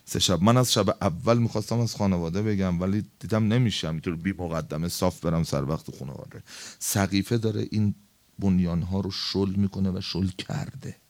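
A man preaching a sermon to a gathering, telling a story in a colloquial, impassioned way and swinging between loud, high emphasis and low asides.

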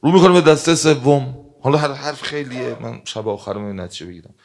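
A man preaching a sermon, telling stories and reciting religious texts in Arabic, moving between loud emphatic passages and hushed ones. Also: mid-range voice. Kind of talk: emotional sermon with storytelling.

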